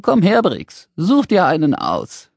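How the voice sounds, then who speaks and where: A man's voice: fairly high pitch, huge pitch swings, takes it slowly, vocal fry, dry recording, studio quality, voice pushed up, full character voice. A man voicing an old woman shopkeeper in a children's audiobook, speaking in a friendly, sing-song way.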